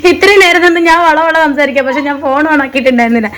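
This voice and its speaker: A woman's voice: high-pitched, a little fast, fairly bright tone. A young woman chatting casually through a home cooking vlog in her kitchen, rambling and laughing often, recorded on a phone. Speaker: vlogger. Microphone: phone camera.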